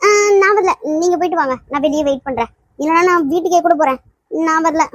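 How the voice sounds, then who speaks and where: A woman's voice: extremely high pitch, fast talker, dry recording, clean studio sound. A woman voicing a shy, anxious young heroine in a cartoon, speaking in a pleading, worried way. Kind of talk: cartoon voice acting.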